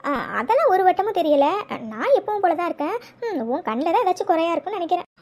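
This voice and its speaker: A woman's voice: very high voice, animated, quick pace, a little mellow. A woman voicing a young woman in a cartoon serial who daydreams about a lover and stammers when caught out. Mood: flustered. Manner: flustered, stammering, talks to herself.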